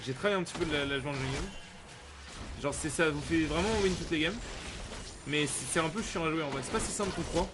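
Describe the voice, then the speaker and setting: A man's voice: fairly high pitch, fast talker. A man streaming a video game with casual, rambling commentary full of gamer slang and repetition. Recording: clear background noise.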